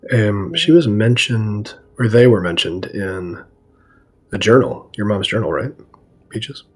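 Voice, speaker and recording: Male tabletop player, croaky frog voice, husky and low, casual delivery. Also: a little slow. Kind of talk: casual chat and in-character narration at a game table.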